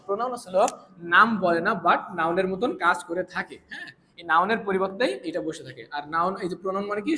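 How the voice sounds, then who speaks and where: High-pitched guy teaching grammar, keeps asking and answering himself, bit of hiss behind. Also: sharp tone. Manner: asks and answers his own questions, repeats key words; mixes English terms into casual talk. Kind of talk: classroom lesson.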